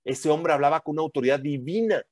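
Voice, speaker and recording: A man's voice: on the high side, fast talker, darkish tone, dry recording, clean studio sound. A man giving a teaching sermon to a group, emphatic and full of rhetorical questions and tag questions.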